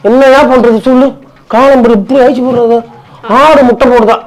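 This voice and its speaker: A man's voice: extremely high pitch, fairly even intonation, brisk, rough recording. A man with a Chennai Tamil accent in a bickering comedy skit, talking colloquially and argumentatively and often repeating himself.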